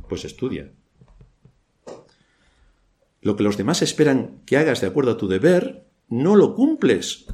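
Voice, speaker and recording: Lively Spanish preacher from Spain. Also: male voice, mid-range voice. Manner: rhetorical questions with dry ironic asides. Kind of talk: church sermon. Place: church.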